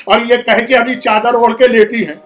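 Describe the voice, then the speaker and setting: A man's voice: very high-pitched, fairly even intonation, a bit bright, muffled recording. A man with a Pakistani Urdu accent delivering an emotional mourning sermon, rising at times to wailing cries. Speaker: maulana delivering a majlis. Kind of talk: Shia majlis sermon recounting mourning narrative.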